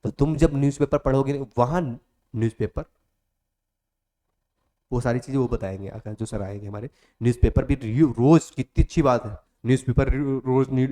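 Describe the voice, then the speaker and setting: A man's voice: mid-range voice, dark tone. A male coaching teacher speaking. He gives a motivational class talk, repeats his points over and over, calls the students "beta" and sometimes acts out student voices.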